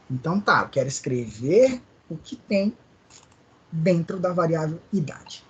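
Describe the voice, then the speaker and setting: A male programming teacher with a high voice and a Brazilian Portuguese accent from Maranhão walks his students through code step by step during a live online class, checking in with them often. A little hiss or hum sits under the recording.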